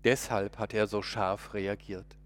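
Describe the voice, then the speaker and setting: A man's voice: on the low side, level tone, unhurried. A man delivering a first-person dramatic monologue sermon in an earnest, emotional, pleading way.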